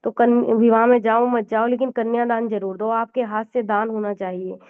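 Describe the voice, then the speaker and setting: A woman's voice: fairly high pitch, level tone, moderate pace. A woman astrologer giving a conversational astrology lesson, explaining with frequent fillers and mixed-in English words. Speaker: Vedic astrologer teacher. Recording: tinny phone-like audio.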